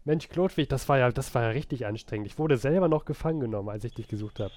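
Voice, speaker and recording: A man's voice: mid-range voice, fast talker, crowd noise, natural voice. A man playing a flustered, bumbling male traveller who stammers a lot, in a comedy audio play. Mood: cheerful.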